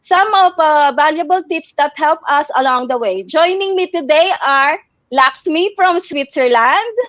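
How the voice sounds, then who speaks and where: A woman hosting a live online talk, introducing her guests with many pauses and fillers. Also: high-pitched, a bit bright, no echo. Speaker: host. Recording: dull lo-fi dry sound.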